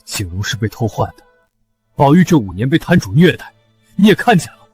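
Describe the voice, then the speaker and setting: An actor playing a firm, commanding nobleman in a costume drama, with a husky voice. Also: medium pitch, very animated, brisk, warm tone, faint music behind. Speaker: nobleman, second young master.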